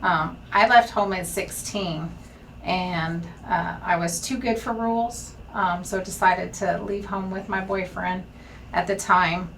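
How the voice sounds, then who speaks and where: A woman in her forties speaks candidly and steadily, pausing on ums. She is a bit far from the mic in a studio set, with a faint hiss behind her. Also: on the low side, steady tone, gravelly, fairly bright tone. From Texas. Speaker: senior enlisted leader. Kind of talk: personal story in a sit-down conversation. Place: bright indoor studio set.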